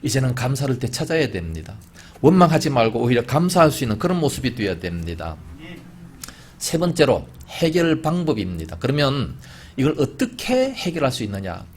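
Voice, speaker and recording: A man's voice: medium pitch, sing-song, fairly quick, slight background noise. A man preaching a sermon as pastor, with rising and falling emphasis and questions put to the congregation. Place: church sanctuary.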